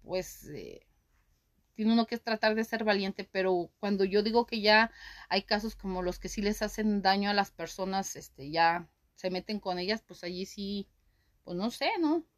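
A woman's voice: medium pitch, unhurried, dry recording, studio quality. A middle-aged woman, the host's mother, talking hesitantly with many fillers in a casual conversation.

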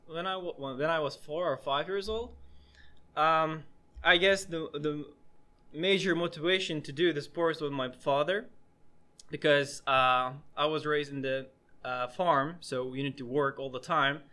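Bright, clear-voiced young male podcast host. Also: a little high, measured pace. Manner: hesitant, many restarts and fillers. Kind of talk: casual podcast chat.

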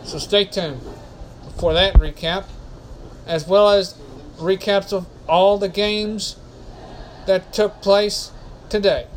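A man's voice: high-pitched, fairly even intonation, slow, long pauses, a little hiss or hum, poor audio. A man hosting a casual solo podcast, rambling and often correcting himself. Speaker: podcast host.

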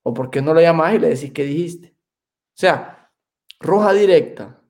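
A man co-hosting a podcast in casual chat, excitable and often repeating words as he searches for them. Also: fairly high pitch, a little slow. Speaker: podcast co-host.

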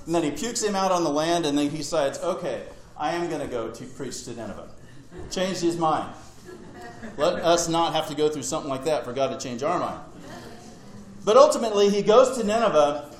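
Conversational male preacher in echoey room. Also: on the high side. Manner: conversational, retells scripture with asides and humor. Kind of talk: sermon.

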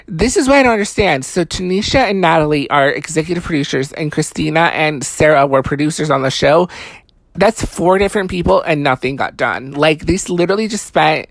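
A person giving a casual, gossipy recap of a reality show, talking fast and loose with lots of "like" and swearing. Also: mid-range voice, animated, gravelly, no room sound, studio quality. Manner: chatty, profane, many "like" fillers.

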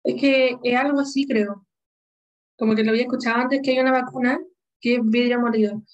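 A woman's voice: on the high side, steady tone, a little fast. A young woman with a Chilean accent in casual chat, chiming in with short reactions and questions. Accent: Chilean Spanish. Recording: dull lo-fi sound.

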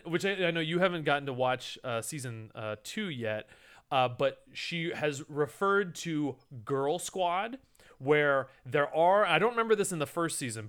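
A man co-hosting a podcast with a smooth, resonant voice at a middling pitch. He chats casually and rambles, stopping often to hunt for names and restart his sentences. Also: a bit bright. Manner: rambling, with many fillers and restarts. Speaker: podcast co-host. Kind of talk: casual chat.

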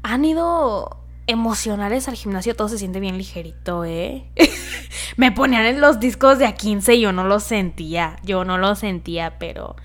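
A young woman hosting a casual advice monologue, affectionate and chatty, often laughing and sometimes dropping to a soft murmur. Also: medium pitch, moderate pace. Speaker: podcast host.

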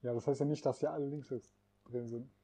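A man's voice: medium pitch, steady tone, fairly quick, warm tone, slightly rough. A young man co-hosting a casual podcast among friends at home, rambling in slang and trailing off into a mumble. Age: young adult. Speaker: podcast co-host. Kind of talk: casual chat.

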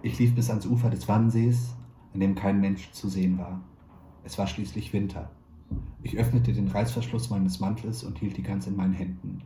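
A man, a stage actor, reading a literary short story aloud in a measured, quietly wry way. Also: lowish voice, steady tone. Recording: roomy echo, faint background noise.

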